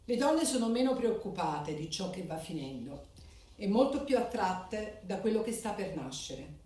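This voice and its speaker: A woman delivers a formal speech in short, measured, declamatory phrases. Her voice sits at an ordinary middle pitch and is picked up from a distance, so it rings out with heavy hall reverb. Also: sing-song, mellow. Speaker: speaker at a club charter ceremony. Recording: echoey hall, voice from far off.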